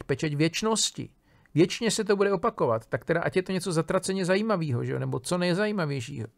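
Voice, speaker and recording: A man's voice: high voice, creaky. A man giving an informal spoken lecture on a philosophy text. He thinks aloud, restarts his sentences and keeps asking his listeners for agreement. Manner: casual, thinking aloud with many fillers, restarts and tag questions.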